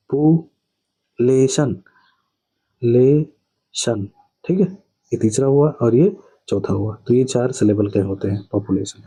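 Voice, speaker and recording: Dark, husky Hindi-accented male teacher. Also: mid-range voice, rough recording. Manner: asks "clear?" after each answer, repeats key words as questions. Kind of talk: exam-prep lesson, explaining answers.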